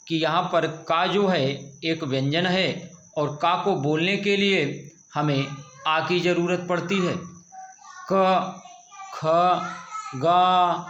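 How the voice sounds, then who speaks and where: A man's voice: fairly high pitch, fairly bright tone, slight background noise. A male teacher giving a grammar lesson to students, patiently asking questions and answering them himself. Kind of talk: slow classroom grammar lesson. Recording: echoey room.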